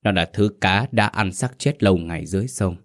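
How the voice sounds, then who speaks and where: Brief: a man doing a grave exorcist master, deep, deliberate, commanding.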